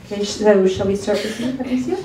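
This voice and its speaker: A woman's voice: medium pitch, brisk, warm tone, a little hiss or hum. A woman moderating a summit and introducing speakers, rambling with many restarts. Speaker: event moderator. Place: college event hall. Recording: roomy hall, mic far off.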